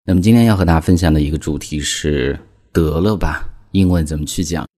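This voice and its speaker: A man's voice: rumbling low, fairly quick, dark tone. A man teaching English in a chatty, explanatory way, filling his talk with small connecting words. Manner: chatty, explanatory, frequent "那么" fillers. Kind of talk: language lesson explainer.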